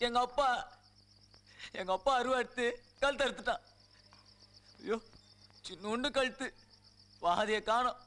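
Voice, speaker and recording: An actor playing a drunk, grieving young gangster who rambles tearfully. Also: male voice, very high-pitched, measured pace, pauses often, bright, forceful tone, heavily acted. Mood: drunk weepy. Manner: slurred, tearful rambling, laughing and crying by turns.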